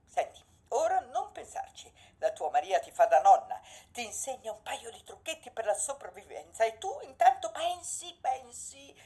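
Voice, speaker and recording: A woman's voice: on the high side, very animated, moderate pace, few pauses, warm tone, husky. An actress playing a scheming, theatrical older mother in a radio drama, who swoops about and drops into whispers. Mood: soothing.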